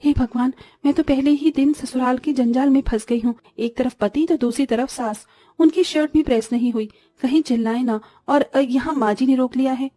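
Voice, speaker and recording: A woman's voice: high voice, steady tone, normal speed, mellow, no room sound. A woman voicing a young, dutiful new wife who is overwhelmed and apologetic in a storybook drama. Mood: fretting. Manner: pleading, apologetic.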